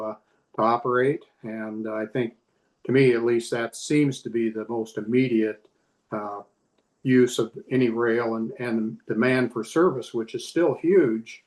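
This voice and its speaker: A man from Idaho, a former state senator, answering on a panel with many pauses and fillers. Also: medium pitch, rough recording. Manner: halting, frequent "uh" fillers.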